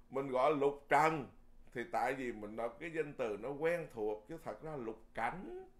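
A man who is a Buddhist monk, giving a Dharma sermon in a lively, folksy way, often repeating words and chuckling. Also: on the high side.

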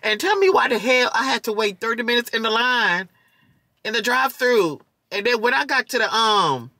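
A young man hosting a casual mukbang eating chat, sassy and expressive, full of slang. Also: very high-pitched, normal speed, dry recording. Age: young adult. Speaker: mukbang vlog host. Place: inside a parked car.

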